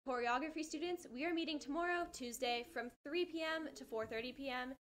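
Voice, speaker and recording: A woman's voice: high-pitched, a little fast, fairly bright tone. A teenage girl reading school announcements from a small school studio, stumbling over some words. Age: teens. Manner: reads carefully, stumbles on words. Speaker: student announcer.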